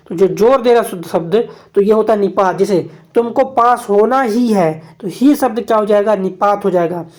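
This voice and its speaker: A woman's voice: mid-range voice, a little mellow. A woman teacher going through exam grammar questions, repeating each question and answer and calling her viewers friends. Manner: repeats questions and answers, often asks "kya"; addresses viewers as "dosto". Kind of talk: Hindi grammar quiz lesson.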